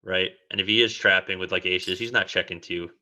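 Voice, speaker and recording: Man, bright low voice, analytical poker co-commentary, conversational. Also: steady tone, a little fast.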